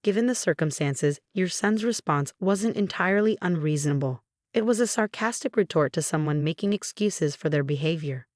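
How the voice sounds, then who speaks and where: A woman reading online forum posts aloud as scripted narration, in an even, measured delivery with no fillers. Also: on the low side, no echo, clean studio sound. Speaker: story narrator.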